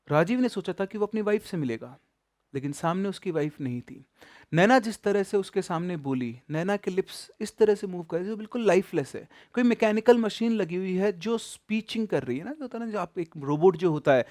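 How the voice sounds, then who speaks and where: A man narrating a horror story in a conversational way, correcting himself and restarting as he goes. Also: high-pitched. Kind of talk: casual spoken horror narration.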